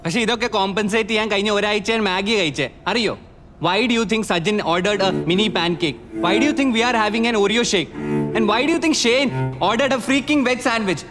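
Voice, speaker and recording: A man's voice: high voice, fast talker, hardly any pauses, over music, close to an everyday voice. An actor playing a frustrated young man short on money, speaking blunt, angry English and Malayalam with a Malayali accent. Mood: heated. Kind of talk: short film acting.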